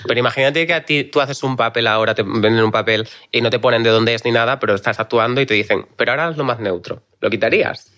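A man co-hosting a casual podcast, jumping in with quick, self-deprecating jokes. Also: mid-range voice, fairly even intonation, bright, forceful tone. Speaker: podcast co-host.

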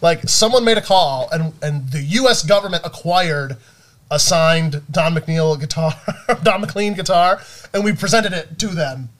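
A man with a fairly high voice chats casually on a podcast. He rambles through his stories with plenty of fillers, and he jumps up in pitch when he gets excited. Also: a little slow. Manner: rambling, animated storytelling with many fillers. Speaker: podcast co-host. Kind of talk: casual chat.

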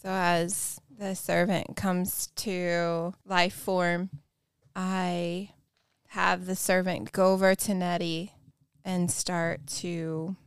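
A woman takes her turn in a tabletop game, hesitant and full of fillers as she checks what she may do. Her voice has a gravelly, creaky edge. The sound is dry and close. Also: lowish voice, level tone, very slow, no echo. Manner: hesitant, asks before acting, filler-heavy. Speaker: player.

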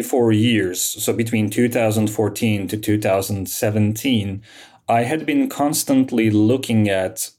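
Low-voiced man from Turkey explaining. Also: darkish tone. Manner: measured, explanatory, frequent fillers. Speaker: guest, fund manager. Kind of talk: podcast interview answers.

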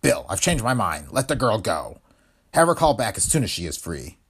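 A sneering masked gang leader from an old pulp adventure, as a male narrator puts him on. He talks low and mocking, with a husky edge and lively, swooping pitch. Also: normal speed, full character voice. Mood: gloating. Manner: low, mocking, chuckling menace. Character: gloating masked crime boss, adult man.

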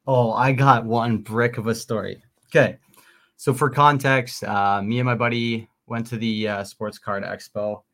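Excited young man telling a story. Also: medium pitch, measured pace. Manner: excited, rambling with fillers. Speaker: podcast co-host. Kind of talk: casual storytelling.

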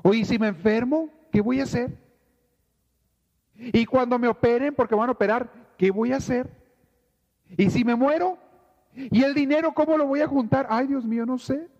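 A fretful working man rattles off worries in a high, frantic voice, as a preacher plays him. His voice rings in a long church reverb. The recording is muffled and lo-fi. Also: moderate pace, long pauses, darkish tone. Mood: anxious. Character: anxious, fretting working man full of worries.

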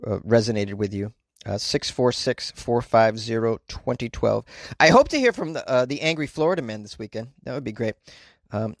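A man's voice: medium pitch, dry recording, clean studio sound. A man from Boston hosting a podcast from a small closet, rambling casually with self-deprecating jokes and mild profanity. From Boston, United States. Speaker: podcast host.

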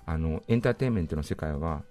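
A middle-aged man from Japan, a guest pianist, telling anecdotes on a radio talk show, lively and laughing often. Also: extremely low pitch, fast talker. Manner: animated storyteller, laughs often, acts out quoted lines. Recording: radio studio with faint music behind.

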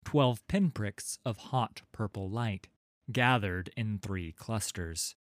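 A man narrating a fantasy audiobook in a measured, dramatic storytelling manner. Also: on the low side, dry recording, clean studio sound.

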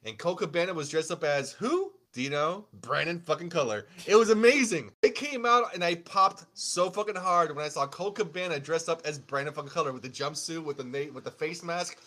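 Excitable man with a bright, forceful voice. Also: on the high side, a little fast, hardly any pauses. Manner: excitable, emphatic, repeats words. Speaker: wrestling podcast co-host. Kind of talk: animated casual recap with heavy swearing.

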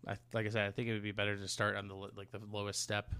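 His lowish voice is smooth and sharp-toned, with a completely flat delivery. He's a podcast co-host chatting casually, rambling and halting, breaking off his own sentences and swearing in passing.

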